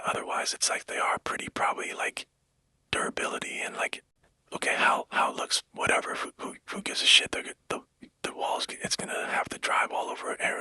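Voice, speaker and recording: A man rambles casually and hesitantly in a breathy, unvoiced whisper, like a soft ASMR monologue. There is no echo.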